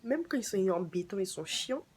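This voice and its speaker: A young woman talks casually into the camera for her vlog, playful and chatty. Her voice sits in a middle range but jumps high without warning. The recording carries a clear layer of background noise. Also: lively intonation, normal speed. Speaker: vlogger.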